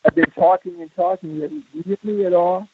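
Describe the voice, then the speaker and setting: A man's voice: high voice, fairly even intonation, brisk, husky, no room sound. A male caller on a faint, muffled phone line that sounds like it is coming from down a well, straining to be heard. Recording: tinny, distant, breaking-up phone line.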